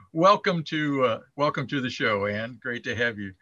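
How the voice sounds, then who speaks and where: Bright-voiced man hosting over a dull line. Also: mid-range voice, animated, no room sound. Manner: friendly, quick to laugh. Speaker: host. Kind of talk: interview host chat. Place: video call.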